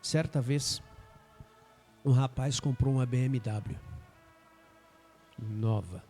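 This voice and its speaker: Brazilian pastor preaching with dramatic pauses. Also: male voice, medium pitch, warm tone, faint music behind. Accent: Brazilian Portuguese. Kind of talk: sermon storytelling.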